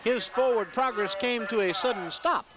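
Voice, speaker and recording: High-voiced man calling football play-by-play. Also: moderate pace, a crowd in the background. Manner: excitable in big plays, rising loud. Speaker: play-by-play announcer. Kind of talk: high school football radio commentary.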